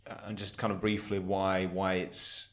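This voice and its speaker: Hesitant low-voiced man explaining. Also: flat delivery, moderate pace. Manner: hesitant, thoughtful, many ums and restarts. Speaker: podcast co-host, energy expert. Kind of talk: casual podcast chat.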